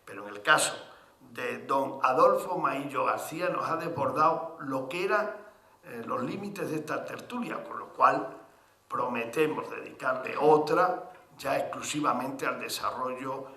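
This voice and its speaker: A man moderating a public cultural discussion, speaking formally with pauses from Extremadura. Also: mid-range voice, bright, forceful tone, roomy sound. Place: cultural centre hall.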